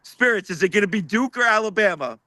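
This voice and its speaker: A man's voice: sits high, lively intonation, quick pace, sharp tone, no echo. A man hosting a live paranormal session, repeatedly asking spirits questions and reporting faint sounds he hears.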